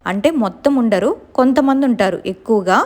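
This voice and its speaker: A woman's voice: a little high, lively intonation, a little fast, a little mellow. A woman casually telling a real-life horror story in a colloquial, conversational way.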